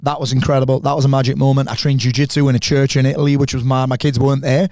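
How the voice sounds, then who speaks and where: An animated middle-aged man telling stories in a relaxed podcast conversation, swearing freely. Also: mid-range voice, rapid-fire, no room sound, studio quality. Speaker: podcast guest. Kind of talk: casual conversation.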